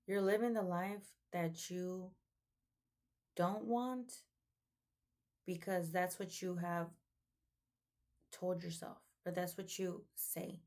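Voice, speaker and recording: A woman's voice: on the low side, steady tone, slow pace, pauses often, darkish tone. A young woman giving an earnest, preachy motivational talk in a casual way, often saying "like" and "um.". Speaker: vlogger.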